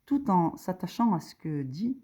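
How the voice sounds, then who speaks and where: A woman with a lowish, warm, breathy-edged voice speaks at a measured pace and is very animated. She's a religious teacher informally explaining a diagram step by step, hesitating often, using many fillers, and rising in emphasis on key points.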